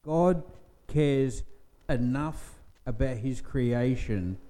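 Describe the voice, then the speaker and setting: A man's dark, mid-range voice draws out its words as he preaches a sermon as pastor in a church hall, on a mic with long hall reverb. His delivery is conversational, with joking asides to the congregation.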